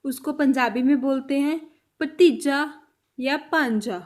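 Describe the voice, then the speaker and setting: A woman teaching a vocabulary lesson, saying each word and then repeating it, with her voice trailing off softly at the end of a phrase. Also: sits high, slow pace. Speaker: language teacher.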